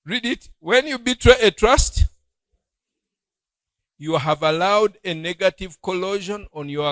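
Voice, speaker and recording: Gravelly bishop preaching call-and-response. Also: male voice, a little high, a bit bright, no echo, rough recording. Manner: call-and-response, leaves sentences open for the audience to finish. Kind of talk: sermon teaching.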